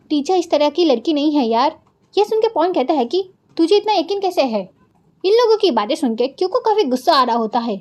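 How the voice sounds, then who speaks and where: A woman's voice: high-pitched, a little mellow. A woman narrating a drama recap in a chatty storytelling way, retelling each line of dialogue and adding her own asides to viewers.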